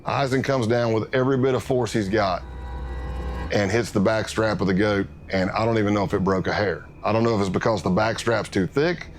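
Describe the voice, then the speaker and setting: A middle-aged man recounts his undercover days for a documentary, his voice sitting low. He tells it vividly and acts out the lines of the people in his story. A faint noise hangs behind him. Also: steady tone, fairly quick. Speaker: former undercover agent interviewee.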